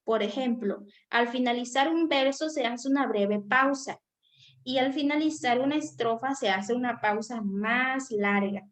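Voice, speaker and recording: A woman's voice: on the high side, a little slow. A woman teacher leading a class, patiently asking questions and sometimes searching for the right words. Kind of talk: online class lesson.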